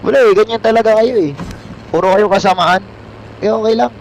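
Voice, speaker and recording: A young Filipino man with a light, high voice, chatting and joking with his viewers while he plays a game. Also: brisk, slight background noise. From Philippines. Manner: joking, self-mocking banter with chat. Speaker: game streamer. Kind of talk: casual live-stream chat while playing.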